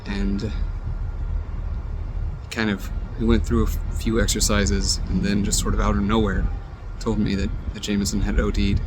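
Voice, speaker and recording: Guy on his phone outside, low flat voice, traffic noise behind, kinda halting. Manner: halting, reflective, searching for words. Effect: recorded on a phone. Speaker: friend leaving a recorded message. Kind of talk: heartfelt personal message.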